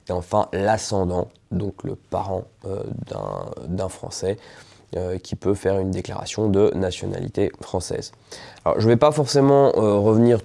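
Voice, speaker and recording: A man explains legal rules to camera, pausing on fillers and small asides. His voice sits low and sounds warm and relaxed. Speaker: immigration lawyer. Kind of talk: explanatory video talk.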